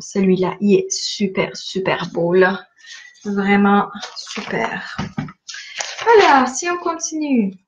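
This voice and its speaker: Chatting her way through a catalogue for viewers, a stamping-supplies demonstrator hesitates often and fills her speech with fillers. She has a medium-pitched voice, and the lo-fi audio carries a little hiss or hum.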